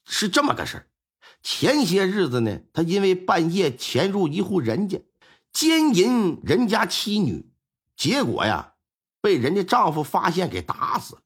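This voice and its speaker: A storybook father in his forties, speaking low and deliberate, as a male narrator puts him on. The voice is husky, and the pitch swings widely. It drags its words with patient weight. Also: huge pitch swings, full character voice. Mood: explaining. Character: old man, a scoundrel's father, calm explainer.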